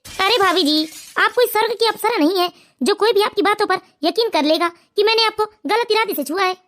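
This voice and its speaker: A woman's voice: very high voice, a little fast, fairly bright tone. A woman voicing a smug, mocking young son-in-law in a cartoon family story. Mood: sneering.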